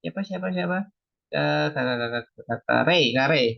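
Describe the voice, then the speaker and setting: This woman's voice is low and creaky, moving at a normal speed as she runs a beginner Mandarin lesson on a video call. She's encouraging, calls on each student by name, and says syllables again for them. Audio comes across a bit dull and lo-fi.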